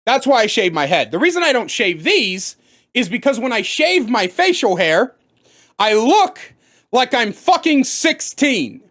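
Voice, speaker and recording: A man in his thirties telling a profane comic story to camera, animated and bursting into loud outbursts. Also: very high voice, measured pace. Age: 30s. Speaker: comedic storyteller. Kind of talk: profane comedic storytime rant.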